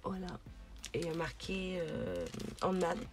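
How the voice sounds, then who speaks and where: A woman's voice: fairly low pitch, a little slow, over music. A woman showing her craft shopping haul in a casual video, often stopping with hesitations to search for words. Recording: noticeable background noise, crinkling. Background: rustling and crinkling of packaging.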